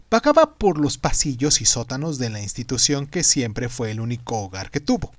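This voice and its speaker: Male storyteller host, higher-pitched, emphatic and theatrical with deliberate pauses, very animated. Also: no echo. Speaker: podcast host and narrator. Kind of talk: scripted storytelling narration.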